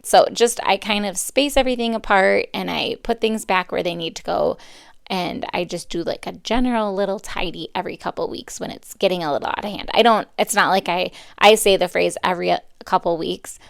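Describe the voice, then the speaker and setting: A woman's voice: mid-range voice, a little fast, vocal fry, no echo. A woman in her thirties hosting a solo podcast, talking in a rambling, chatty way and often correcting herself. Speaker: podcast host. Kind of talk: casual solo podcast talk.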